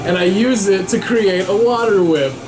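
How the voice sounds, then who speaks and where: Man, high pitch, game player, casual, playful, descriptive, clear background music. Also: normal speed. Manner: playful, vividly descriptive, salty-tongued. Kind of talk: casual game chat and action narration. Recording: roomy echo with background music.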